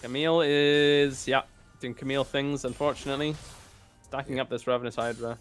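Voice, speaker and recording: A tired man calling a live esports match play by play. His voice is mid-pitched and climbs sharply when a big play lands. Faint music plays behind him. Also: level tone, quick pace, fairly bright tone. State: tired, yawning. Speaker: esports caster.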